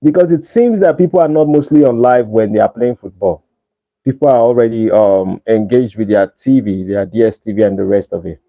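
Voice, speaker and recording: A Nigerian livestream host, speaking in a Nigerian accent, chats casually and pleads with his audience for likes. He talks a little fast in a lowish voice. The livestream audio is dull and lo-fi.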